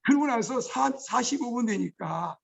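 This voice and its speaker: A male pastor preaching a testimony sermon, moving between hushed storytelling and shouted outbursts. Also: very high voice, animated, normal speed, gravelly. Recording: dull lo-fi recording.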